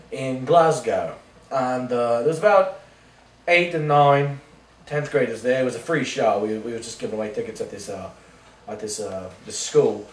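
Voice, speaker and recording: A man's voice: medium pitch, natural voice. A man playing a rambling washed-up rock singer. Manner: rambling, deadpan absurd tangents, swearing. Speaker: interviewee in a mock documentary. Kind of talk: improvised mock interview. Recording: roomy sound from a distant mic.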